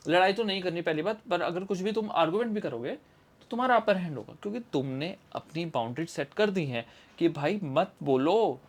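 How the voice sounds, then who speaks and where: A man's voice: high voice, lively intonation, brisk. Chatty man giving casual advice. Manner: chatty, informal, acts out relatives' lines. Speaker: advice vlogger.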